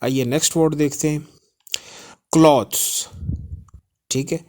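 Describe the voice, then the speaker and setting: A man teaching English pronunciation in a spoken lesson, spelling out letters and repeating each word slowly. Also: medium pitch, lively intonation, darkish tone.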